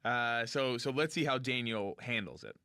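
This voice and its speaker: A man's voice: mid-range voice, normal speed, sharp tone. A man co-hosting a comedic podcast, riffing on a TV clip in casual chat and agreeing often with his partner. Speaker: podcast co-host.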